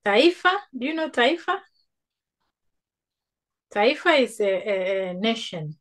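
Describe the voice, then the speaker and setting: Slow-spoken patient woman Swahili teacher. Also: on the high side, very animated. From Tanzania. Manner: patient, coaxing, affirming with frequent mm-hmm. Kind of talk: one-on-one language lesson.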